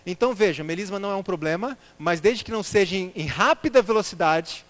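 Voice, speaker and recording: A man's voice: sits high, fast, fairly bright tone. A man giving a church lecture, putting rhetorical questions to the congregation and calling them brothers. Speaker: church speaker.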